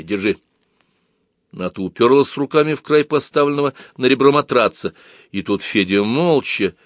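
A man narrating a children's story in a measured, storytelling manner. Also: fairly low pitch, a bit bright, dry recording, clean studio sound. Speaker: audiobook narrator. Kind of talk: scripted narration.

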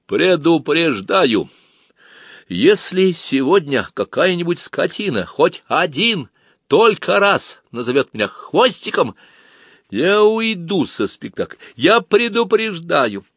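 A man's voice: very high-pitched, very animated, a little slow, dry recording, clean studio sound, voice pushed up, full character voice. A man reading a story aloud, voicing a hot-tempered teenage actor who raps out his words. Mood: furious, defiant. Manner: clipped, rapping out words. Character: hot-tempered teen actor, proud and furious.

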